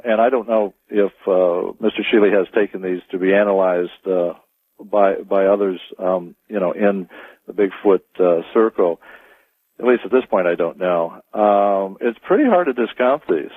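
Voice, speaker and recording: A man answering as a radio interview guest, speaking in a halting, deliberate way and circling back on his words. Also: fairly low pitch. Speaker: interview guest, Bigfoot tracker. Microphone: telephone. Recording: dry, narrow phone-line sound.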